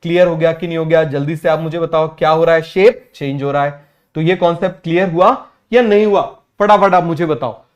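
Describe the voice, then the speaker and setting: Man, high voice, young teacher, keeps checking students follow. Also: brisk, lo-fi sound. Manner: keeps asking students if it is clear. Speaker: biology teacher. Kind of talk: online exam-prep class.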